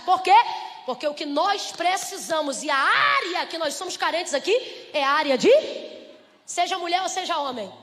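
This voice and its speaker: A Brazilian woman preaching a lively church sermon, asking the congregation rhetorical questions and acting out little scenes. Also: sits high. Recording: reverberant church hall.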